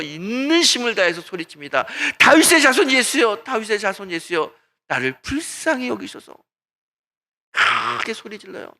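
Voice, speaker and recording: A male senior pastor preaching a Sunday sermon as dramatic storytelling, swinging between hushed passages and loud ones. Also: high voice. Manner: dramatic storytelling, acting out voices.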